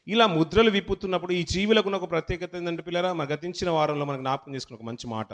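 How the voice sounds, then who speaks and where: A man preaching a sermon as a pastor. He reads scripture slowly and loudly, then explains it in a conversational way, often restarting words and calling his listeners children. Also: fairly high pitch.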